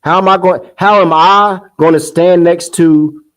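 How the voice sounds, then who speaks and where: Unhurried and fairly even in intonation, a commentary host with a high, somewhat bright voice rambles through a casual monologue, heated and scoffing, with frequent restarts. He mimics others in sing-song mocking quotes. The audio is low quality.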